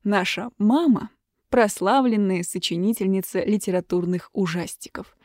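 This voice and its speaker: Female audiobook narrator, expressive comic reading, dry close sound. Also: medium pitch, normal speed, no echo. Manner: lively, expressive reading with acted dialogue.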